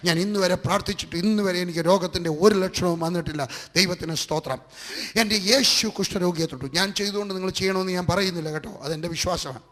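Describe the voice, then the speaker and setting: A man's voice: high voice, quick pace, a bit bright. A man preaching a fervent sermon with a Malayali accent, building his points through repeated rhetorical lines. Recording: long hall reverb.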